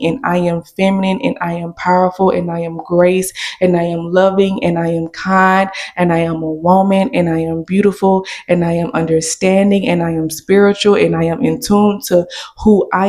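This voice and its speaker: A woman hosts a podcast in a voice that sits a little low. She talks straight to the listener in a motivational monologue, stacking up emphatic affirmations and calling her audience love and baby. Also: a little mellow. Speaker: podcast host.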